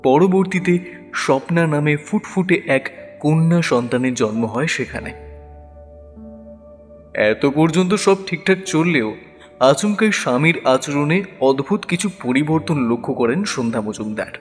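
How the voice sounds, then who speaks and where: A man narrating an audio drama in a measured storytelling manner. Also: on the high side, animated, in a large hall, soft background music.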